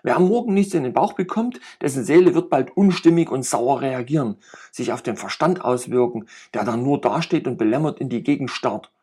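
Reading aloud, a man voices a jovial, chatty middle-aged friend who rambles and teases with cynical humor in playful banter. His mid-range voice is expressive and slightly fast, dark in tone with a breathy edge.

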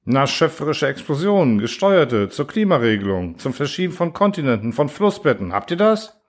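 A towering alien envoy, brisk and condescending, firing off impatient questions in a middle-pitched male voice, as an audiobook reader puts him on. He talks hastily, pushing ahead before anyone can answer. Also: sing-song. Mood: brisk, dismissive. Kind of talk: audiobook character voice.

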